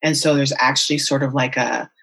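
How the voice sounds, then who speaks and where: A woman's voice: very deep voice, fairly even intonation, fairly quick, gravelly, fairly bright tone, slightly rough. A young adult woman, a writer and teacher, talking candidly and thoughtfully in a casual podcast interview, with many ums and likes. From Las Vegas and Miami, United States.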